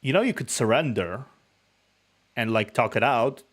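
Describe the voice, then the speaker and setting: Animated man narrating a game. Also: mid-range voice, moderate pace. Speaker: game streamer translating dialogue aloud. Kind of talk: casual narration and read-aloud of a game.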